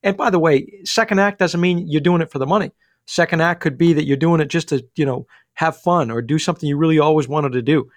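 A man's voice: fairly high pitch, no echo. A man working as a financial advisor, talking through money and retirement on a call-in radio show, with lots of restarts and fillers. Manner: quick, energetic, many restarts and fillers.

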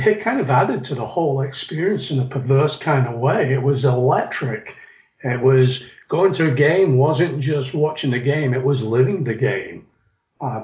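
A middle-aged Englishman, guesting on an interview, tells reflective stories from his youth with some restarts. His voice is medium-pitched and a little mellow, and the recording sounds echoey and slightly dull.

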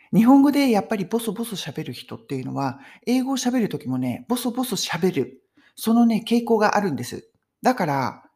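In a video from her London home, a middle-aged woman gives a casual English conversation lesson in an emphatic, friendly teaching tone. Her voice is medium-pitched and a little mellow.

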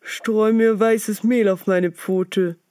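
A woman voicing a sly, deceitful male wolf who talks slowly in a wheedling tone. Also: mid-range voice, steady tone, warm tone, no echo, clean studio sound, lightly acted. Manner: slow, drawn-out, wheedling. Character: sly big bad male wolf, disguising himself.

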